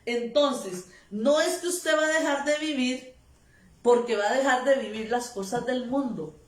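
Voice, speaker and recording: A woman's voice: high voice, measured pace. A woman preaching a sermon, emphatic and repetitive, often stopping for amen. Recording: echoey room, voice from a distance.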